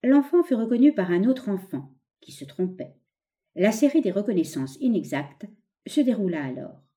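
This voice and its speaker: A woman reading an essay aloud as scripted narration, expressive and leaning on key words. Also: mid-range voice, normal speed. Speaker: audiobook reader.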